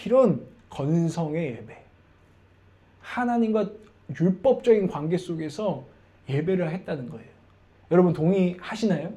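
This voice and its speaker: A man's voice: high voice, lively intonation, a little slow, dark tone. A man preaching a sermon in a conversational way, often asking the congregation questions.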